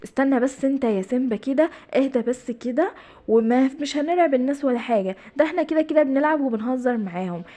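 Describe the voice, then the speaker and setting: A mischievous cartoon boy, played by a woman who loves pranks, speaking with an Egyptian accent. His voice is high and teasing, and he chatters along quickly. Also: dark tone. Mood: scheming. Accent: Egyptian Arabic. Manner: playful, teasing. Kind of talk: cartoon voice acting.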